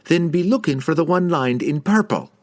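Raised-pitch young woman warrior, brisk and sharp, as a male narrator puts her on. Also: lively intonation, lightly acted. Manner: brisk, commanding.

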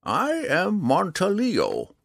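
A man voicing a proud, blind old hermit archer who speaks slowly and halts while searching for words. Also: mid-range voice, wildly swooping pitch, breathy edge, dry recording, clean studio sound, voice pushed up, full character voice. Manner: slow, drawn-out delivery.

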